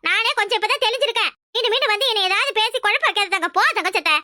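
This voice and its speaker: A weary young village wife from a cartoon, voiced by a woman, with a high, crisp voice and a Kanyakumari accent. She brushes off the complaints with calm, curt scolding, and the voice-over is close and dry. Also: racing, dry recording, exaggerated voice. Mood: tired. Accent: Kanyakumari Tamil.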